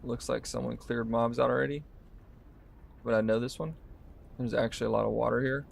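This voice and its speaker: Gravelly man narrating his gameplay. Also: mid-range voice, fairly quick. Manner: relaxed, talks through each move while playing. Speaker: streamer. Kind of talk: casual gameplay commentary.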